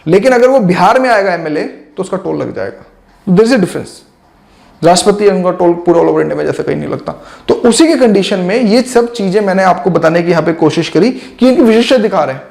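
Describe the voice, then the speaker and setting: High, gravelly-voiced male teacher. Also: lively intonation, brisk, a little mellow. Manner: chatty, addresses students as friends, frequent asides. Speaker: exam coaching teacher. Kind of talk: casual classroom-style lecture.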